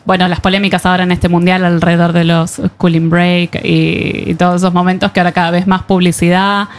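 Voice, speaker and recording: A woman hosting a casual panel chat, lively and jokey. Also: fairly low pitch, brisk. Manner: lively, jokey, laughs easily.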